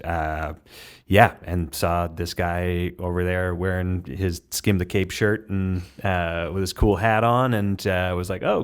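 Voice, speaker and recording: A man's voice: low-pitched, clean tone. A man from southern Maine, a filmmaker guest, answering in a friendly, rambling way with many fillers. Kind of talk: casual interview.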